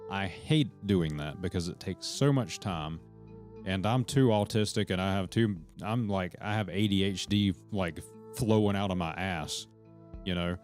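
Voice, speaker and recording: Live streaming to viewers, a man rambles from one point to the next, swears freely and talks straight to people in his chat. His voice is low, unhurried and a little mellow, with faint music playing behind him.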